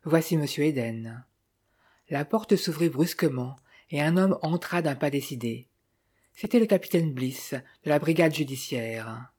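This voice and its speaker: A woman reading a detective novel aloud with steady, even storytelling. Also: sits low, moderate pace, breathy edge. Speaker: audiobook reader. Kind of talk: scripted narration.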